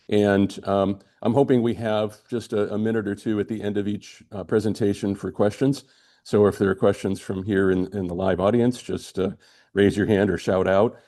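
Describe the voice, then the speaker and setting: A man's voice: lowish voice, steady tone, moderate pace, warm tone. A man acting as host, giving informal welcome remarks in front of a live audience and introducing presenters. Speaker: program director introducing presenters.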